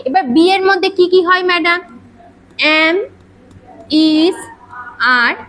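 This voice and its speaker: A woman with a strikingly high voice teaches grammar in a classroom, speaking. She drills her pupils with rapid rhetorical questions and scolds them when they chat. Her tone is brisk and teacherly throughout. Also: a bit bright, slight background noise, poor audio. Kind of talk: classroom lecture. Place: classroom with students.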